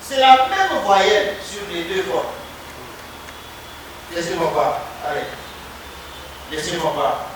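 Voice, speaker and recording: A man's voice: sits high, very animated, takes it slowly, pauses often. A man from the Democratic Republic of the Congo teaching a Hebrew class at a university, coaxing students with repeated questions and prompts. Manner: repetitive, coaxing, quizzes students. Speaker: Hebrew lecturer. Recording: echoey noisy classroom from far off.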